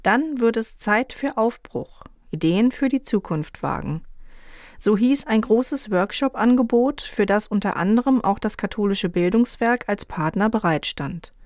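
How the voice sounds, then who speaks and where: Brief: female radio presenter, measured scripted read, dry close studio sound. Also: medium pitch, expressive, a little mellow, no echo.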